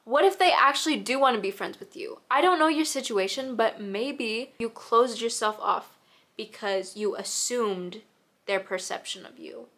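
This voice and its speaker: A woman's voice: on the high side, normal speed, fairly bright tone. A young woman in her teens chatting casually as a host who reads confessions and gives advice, with an earnest, encouraging manner. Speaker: host reading viewers' confessions and giving advice. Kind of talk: casual advice chat and reading submissions aloud.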